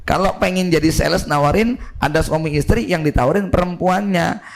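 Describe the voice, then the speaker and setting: A man's voice: high-pitched, fairly quick, gravelly. A man giving a conversational religious lecture as a preacher, often turning to the audience with asides. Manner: chatty, animated, often turns to the audience with asides. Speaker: Islamic preacher.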